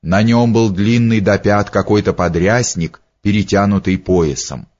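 Slow, low-voiced male narrator. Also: darkish tone. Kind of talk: audiobook narration. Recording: dull lo-fi recording.

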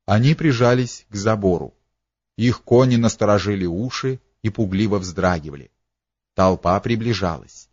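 A man reads a historical novel aloud in a steady, lightly dramatic way. His voice is low, and the recording sounds dull and dry with no room echo. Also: normal speed. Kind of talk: audiobook narration.

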